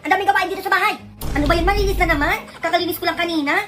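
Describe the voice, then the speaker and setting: A woman playing a quick-tempered mother who scolds her child in a comedy skit. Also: very high voice. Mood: scolding. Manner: scolding, exasperated, rapid-fire. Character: scolding nagging Filipino mother, middle-aged, quick-tempered. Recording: background music under the voice.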